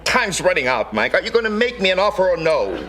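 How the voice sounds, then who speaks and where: Crafty old sitcom landlord on his deathbed, haggling, high swoopy voice, noisy tv soundtrack. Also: big pitch swings, fast talker, bright, forceful tone, heavily acted. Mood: wry haggling. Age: older. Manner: wry, stubborn, bargaining. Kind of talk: sitcom acting.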